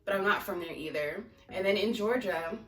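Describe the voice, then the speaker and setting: A young American vlogger from Maryland, who spent her teens in Mozambique, chats candidly to camera for her viewers, rambling as she goes. Her mid-range voice is a bit bright and at normal speed. The room is echoey, the mic distant, and music plays behind her.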